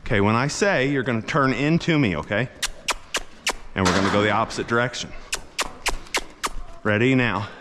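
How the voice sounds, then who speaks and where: A man working as a horse trainer, coaching a rider in a folksy, encouraging way and cooing softly to the horse. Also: medium pitch, moderate pace, long pauses, long reverb tail, background noise. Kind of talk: instructional coaching.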